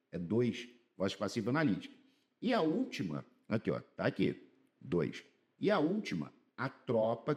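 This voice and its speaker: A Brazilian man teaching exam-prep Portuguese in a casual video lesson, animated and colloquial, stretching words for emphasis. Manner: animated, lively pitch swings, colloquial asides and stretched emphasis.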